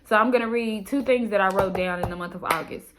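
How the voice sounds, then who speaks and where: An American woman vlogging casually, talking in a candid, expressive, slangy way and reading from her own journal. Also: medium pitch, fast, noisy background.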